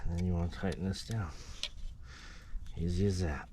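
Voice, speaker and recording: A man's voice: sits low, steady tone, normal speed, heavy background noise. A man narrating casually to camera while building a fence, muttering and grumbling as he works and short of breath. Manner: muttering to himself, grumbling asides. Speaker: farm vlogger. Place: muddy outdoor pasture.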